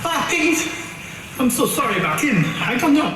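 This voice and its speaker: High, swooping, pompous horror host baron. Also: male voice, sing-song. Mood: flustered, indignant. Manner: pompous, theatrical, cackling, drawn-out delivery. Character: flamboyant, vain male horror host baron, excitable and self-admiring. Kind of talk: theatrical horror host presentation. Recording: echoey room, distant mic, background noise.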